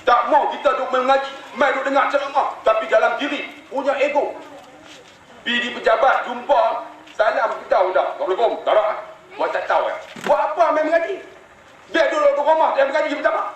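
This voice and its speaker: A man's voice: very high voice, brisk, slight background noise. A man preaching a sermon, telling stories and speaking straight to his listeners. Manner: animated storytelling, addresses the audience directly. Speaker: religious preacher. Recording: echoey hall, mic from a distance.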